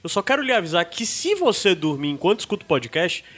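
High, bright-voiced nasal man. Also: sing-song, fast. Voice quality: nasal, congested. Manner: joking, laughs often. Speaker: podcast host. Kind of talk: casual podcast chat. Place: small studio.

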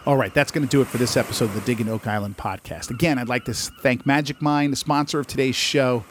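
A man with a strained, struggling voice, talking casually and a bit haltingly as he hosts a solo podcast. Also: medium pitch, fairly even intonation, a little hiss or hum. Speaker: podcast host and radio DJ.

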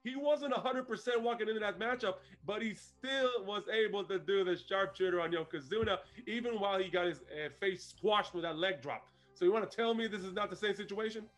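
A man casually recapping an old wrestling show as podcast co-host, animated and laughing often. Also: high voice, a little fast, hardly any pauses, soft background music.

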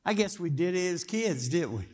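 A man's voice: high-pitched, sing-song, moderate pace, darkish tone. A man preaching a sermon, telling the story in a folksy way and often asking his listeners questions. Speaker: pastor.

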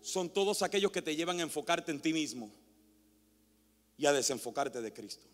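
A male pastor preaching a sermon, swinging from hushed near-whispers to loud, impassioned calls. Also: fairly high pitch, expressive, moderate pace, in a large hall, soft background music.

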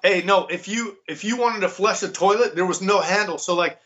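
An American man telling a story in a casual chat, animated and laughing, swearing and saying "bro" a lot. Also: sits high, fairly quick, highs cut off. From United States.

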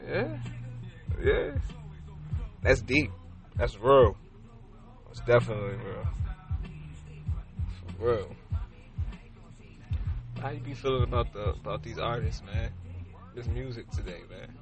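A man hosting a casual late-night chat, easygoing and full of slang and shout-outs. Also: mid-range voice, sing-song, slow, long pauses. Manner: laid-back, agreeable, lots of slang and shout-outs. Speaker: podcast host. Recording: faint music in background.

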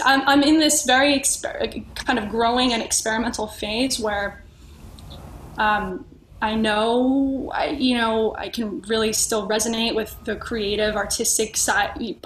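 A woman's voice: on the high side, a bit bright. A woman podcast guest talking earnestly and reflectively, searching for words and restarting often. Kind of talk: reflective conversational sharing. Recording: echoey room with faint noise.

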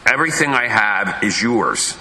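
A pastor reading a Gospel passage aloud at Mass in a measured, solemn way, his voice carrying with a big church echo. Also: fairly low pitch, expressive, bright, forceful tone. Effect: big echoing church reverb. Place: large church. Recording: roomy echoing church sound.

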